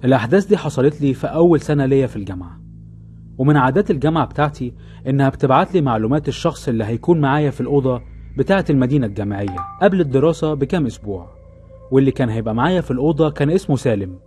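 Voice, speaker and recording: A man's voice: medium pitch, animated, very fast, darkish tone. A man with an Egyptian accent narrating scripted first-person horror stories in a suspenseful storytelling manner. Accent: Egyptian Arabic. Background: music under the voice.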